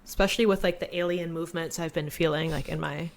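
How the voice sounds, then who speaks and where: Woman, thirties, podcast co-host, lowish voice, loose filler-heavy chat. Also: steady tone, quick pace, vocal fry, a little hiss or hum. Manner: chatty, lots of "like" fillers. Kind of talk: casual chat.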